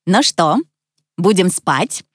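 A woman voicing a calm, wise magical clock creature who speaks in a steady, reassuring tone. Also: fairly low pitch, slow, no room sound, studio quality, heavily acted.

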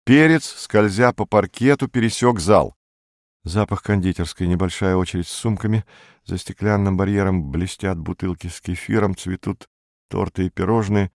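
A man reads an audiobook aloud in a measured, even storytelling manner. His voice sits low, and the recording is dry and close. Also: no echo. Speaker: audiobook narrator. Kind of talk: scripted narration.

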